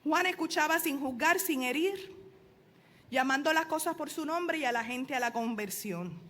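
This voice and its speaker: A woman pastor in middle age delivers a sermon in a high voice. She moves between emphatic, rising calls and quiet, intimate asides to her congregation. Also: expressive, moderate pace. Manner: preaching with emphatic rises and soft asides.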